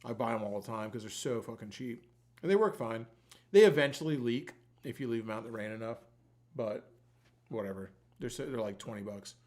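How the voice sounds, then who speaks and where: A man hosts a livestream giveaway with an average-pitched voice. He talks casually and loosely, rambling from one thought to the next and swearing freely. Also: lively intonation, fairly quick, darkish tone. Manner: sweary, informal, colloquial.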